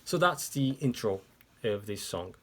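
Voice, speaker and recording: Over loud music, a man with a voice on the low side and lively intonation gives music tutorial instruction. He's a native Japanese speaker teaching ukulele in English step by step, slowly, while seated indoors with a ukulele playing in the background.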